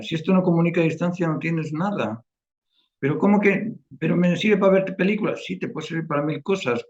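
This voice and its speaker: A man's voice: mid-range voice, dull audio. A man from Spain with a Spanish accent, teaching a one-on-one online painting class and often checking in with "eh?" as he explains. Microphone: video call.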